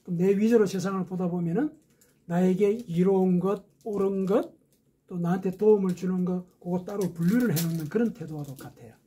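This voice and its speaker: Husky, mellow-voiced male pastor preaching. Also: high voice, brisk. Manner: explanatory, with rhetorical questions. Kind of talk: sermon.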